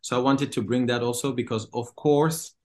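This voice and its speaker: A man's voice: mid-range voice, fairly even intonation, moderate pace, darkish tone. Hesitant man from Congo. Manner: hesitant, many fillers and restarts. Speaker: filmmaker. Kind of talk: interview.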